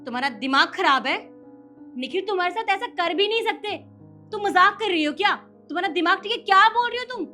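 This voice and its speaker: A sharp-tongued, scheming wife, played by a woman, scolding and accusing in a very high voice. Faint music plays behind her lines. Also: animated, fast, full character voice. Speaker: lady of the house.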